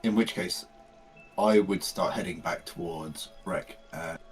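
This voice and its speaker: Male player in a tabletop game, unhurried and fairly low, casual delivery, faint music underneath. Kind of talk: casual game chat, describing character's actions.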